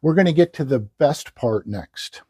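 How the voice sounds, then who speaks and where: A man's voice: a little high, expressive, normal speed, darkish tone, husky, dry recording, clean studio sound. A man presenting a product demonstration as a hard-sell ad, emphatically repeating selling points. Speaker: infomercial presenter and salesman. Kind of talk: sales pitch, product demonstration.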